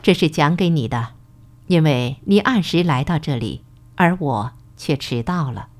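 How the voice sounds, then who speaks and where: A kindly school principal speaks slowly and gently, as a woman puts him on. The voice sits lower than her narration and stays soft, patient and reassuring, a storybook reading. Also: animated. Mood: gentle kindly. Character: kind, calm male school principal.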